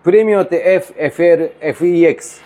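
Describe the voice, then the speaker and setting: A Japanese man with a Japanese accent speaks simple, broken learner's Bengali in short halting phrases, presenting cars as a dealer. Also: fairly high pitch, warm tone. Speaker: car dealer, showroom owner. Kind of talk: unscripted car showroom presentation.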